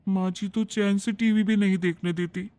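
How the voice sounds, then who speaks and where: A woman voicing a young, flattering daughter-in-law who complains and pleads. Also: mid-range voice, normal speed, slight background noise, natural voice. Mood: whiny.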